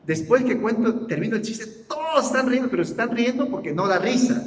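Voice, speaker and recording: A man's voice: very high-pitched, lively intonation, brisk. A man preaching a sermon as pastor, conversational and jokey, acting out prayers in his own words. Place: church hall. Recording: roomy, echoey church hall from a distance.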